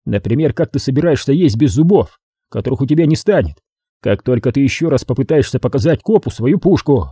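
A man's voice: mid-range voice, animated, fairly quick, mellow, no room sound. A man reading an audiobook voices a tough, curt male getaway driver in close to his own voice. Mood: stern. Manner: curt, gruff.

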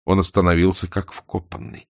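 A man narrating a humorous novel in a wry, expressive storytelling manner on a close studio mic. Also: sits low, moderate pace, creaky, no room sound. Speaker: audiobook narrator.

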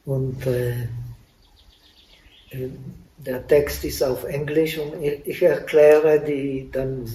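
A man, a Buddhist monk, giving a dharma talk at a meditation retreat in non-native German, halting with many pauses and fillers. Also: medium pitch, warm tone, a little hiss or hum. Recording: echoey room, voice from a distant mic.

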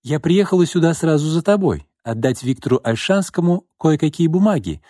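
A man voicing a jealous, hysterical young woman in an audiobook, shrill and accusing. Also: lively intonation, fairly quick, warm tone, no room sound, studio quality. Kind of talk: audiobook character voice.

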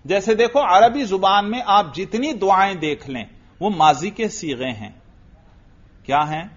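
A man giving a classroom lecture on Arabic grammar as a religious teacher, chanting verses slowly and putting questions to his students. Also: high voice, lively intonation. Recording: dull lo-fi lecture recording.

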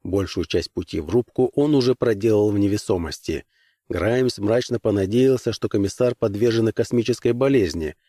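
A man narrating a science-fiction audiobook in a steady, even reading voice into a close studio mic. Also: fairly low pitch, moderate pace, dry recording. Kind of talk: scripted narration.

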